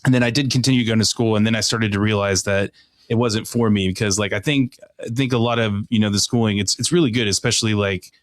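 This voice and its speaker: Fast-talking man in his thirties. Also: lowish voice, steady tone, no echo, clean studio sound. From Oklahoma. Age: 30s. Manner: quick and chatty, with many restarts and fillers. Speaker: city council candidate, guest. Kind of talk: casual podcast conversation. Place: indoor podcast studio.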